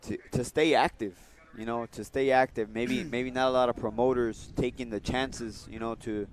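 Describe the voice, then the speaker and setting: A man's voice: mid-range voice, steady tone, normal speed, a little hiss or hum. A man commentating on boxing in a casual, unscripted way, often repeating and rephrasing his points. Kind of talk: casual unscripted fight analysis.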